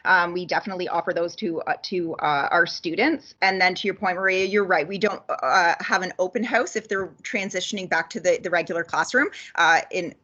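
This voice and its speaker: A woman speaking in an online meeting over a video call, halting and full of fillers, her audio choppy and cutting out on a bad connection. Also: on the low side, pushed and bright, dull audio. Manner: hesitant, halting, frequent fillers. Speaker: school board staff member.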